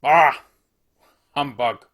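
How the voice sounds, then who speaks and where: An actor playing Scrooge, a bitter, scornful old miser who dismisses everyone with gruff outbursts. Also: male voice, on the high side, extremely slow, fairly bright tone, full character voice. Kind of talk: amateur radio play acting.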